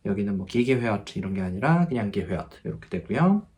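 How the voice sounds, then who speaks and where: A man's voice: fairly low pitch, very animated, darkish tone. Patient male language teacher. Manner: explains patiently, drills verb forms by repeating them slowly. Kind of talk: online grammar lesson.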